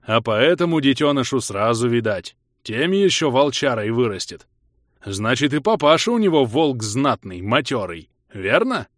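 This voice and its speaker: A man's voice: mid-range voice, big pitch swings, moderate pace, no room sound, studio quality, close to an everyday voice. A man voicing a huge bearded male giant, jovial and teasing in folksy speech.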